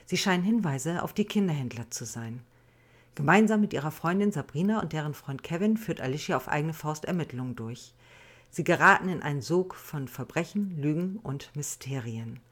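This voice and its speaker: Low-voiced, husky woman reading. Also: lively intonation, normal speed. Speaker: author reading her novel. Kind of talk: audiobook reading.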